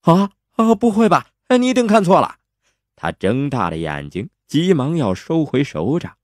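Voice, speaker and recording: A man voicing a cheeky, smooth-talking teenage boy who wriggles out of trouble with flustered excuses. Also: mid-range voice, big pitch swings, unhurried, a little mellow, dry recording, clean studio sound, pitched above the performer's own voice. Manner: flustered, evasive, talking his way out. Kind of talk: audio drama acting.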